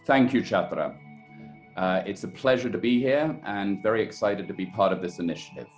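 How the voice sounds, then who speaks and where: A man in his later years with a very low voice, speaking in a measured, thoughtful way and often pausing on "uh" as he gathers his thoughts. Faint music sits quietly under the recording. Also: expressive. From born in Sri Lanka, raised in India. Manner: measured, thoughtful, many fillers and pauses. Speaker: guest, chamber committee head and organic estate director. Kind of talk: webinar interview answers.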